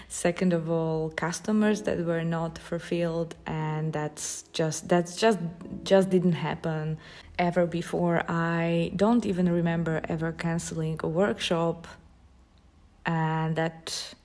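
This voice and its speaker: A watercolor artist with a Slovak accent chats casually as she paints, speaking in a halting, thoughtful manner with frequent pauses. Her voice is on the low side with a darkish tone.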